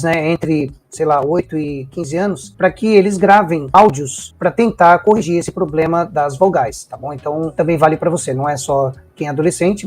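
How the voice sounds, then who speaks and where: Brazilian man explaining pronunciation slowly. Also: a little high. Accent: Brazilian Portuguese. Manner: explanatory, slows to demonstrate English words, frequent tag questions. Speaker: English teacher. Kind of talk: video pronunciation lesson.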